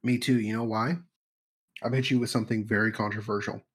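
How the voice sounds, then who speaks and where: A man's voice: fairly low pitch, little pitch movement, fairly quick, husky. A man co-hosting a podcast in casual chat, laid-back, crude and joking. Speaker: podcast co-host.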